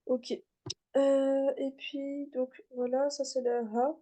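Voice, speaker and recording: A woman's voice: high voice, level tone, takes it slowly, mellow. A woman teaching a beginner class, patiently repeating and demonstrating letter sounds. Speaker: Arabic teacher.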